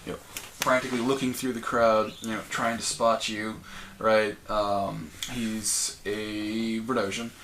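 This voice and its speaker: A man's voice: fairly low pitch, little pitch movement, a little slow, background noise. A man narrating as game master in a loose, rambling way with many fillers.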